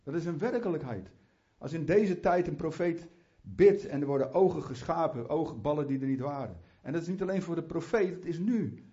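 A man's voice: a little high, fairly quick, few pauses, warm tone. A man preaching a sermon in a fervent, conversational way, with chatty asides and restarts, often rising into heartfelt prayer. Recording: muffled lo-fi sound.

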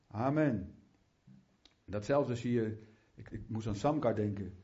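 A man with a fairly low, warm voice speaks slowly as he preaches a fervent, conversational sermon. He wanders into chatty asides and restarts, often swelling into heartfelt prayer. The audio is muffled and lo-fi.

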